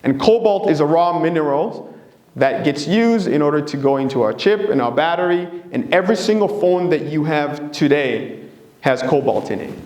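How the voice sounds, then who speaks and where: Male presenter with a slightly raised pitch, earnest and engaging, recorded with room echo. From Democratic Republic of Congo. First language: Swahili, Lingala and French. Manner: earnest, engaging, often checking in with "right?". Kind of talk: presentation to an audience.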